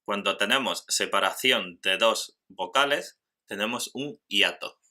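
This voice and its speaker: A man teaching a grammar lesson in scripted narration, slowly and carefully spelling out syllables. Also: fairly low pitch, sharp tone.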